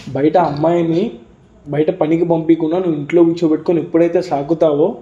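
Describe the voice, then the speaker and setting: A man's voice: on the high side, steady tone, quick pace, warm tone. A young man interviewing a guest, coaxing him to open up and giving advice to his viewers. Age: young adult. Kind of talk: street interview. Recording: roomy, dull lo-fi sound.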